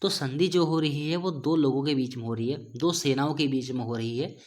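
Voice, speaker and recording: A man's voice: medium pitch, fairly quick, darkish tone. A man teaching a grammar lesson, often posing questions and answering them himself. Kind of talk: explaining lesson to students.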